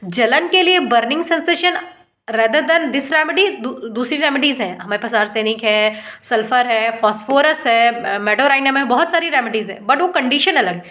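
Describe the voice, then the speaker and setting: High-voiced woman teaching homeopathy. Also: moderate pace, fairly bright tone. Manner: explains patiently, mixes English terms, asks rhetorical questions. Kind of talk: informal online lecture.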